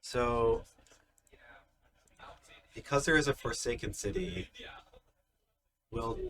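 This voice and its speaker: A man's voice: mid-range voice, slow pace, creaky, a bit bright. A man giving live card game commentary, explaining the plays step by step in an analytical way. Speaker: tournament commentator.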